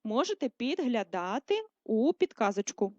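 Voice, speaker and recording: A woman teacher giving a video lesson to first graders, speaking slowly and carefully and drawing out words to stress them. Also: fairly high pitch, very animated, darkish tone, no room sound. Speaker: primary school teacher. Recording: dull lo-fi sound.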